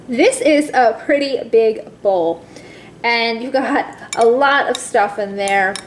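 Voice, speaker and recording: Slow-spoken woman demonstrating a cheap recipe. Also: on the high side. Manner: chatty, addresses viewers as guys. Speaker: cooking channel host. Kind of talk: step-by-step cooking demonstration. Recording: echoey room with faint background noise.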